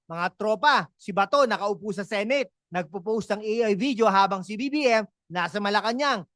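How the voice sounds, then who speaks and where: A woman delivers animated political commentary in a fairly high voice. She tags her lines with quick "ha" and "no" asides and slides English phrases into her talk. The sound is close and dry. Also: dry recording. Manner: mixes Tagalog and English phrases. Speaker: host of a political commentary channel.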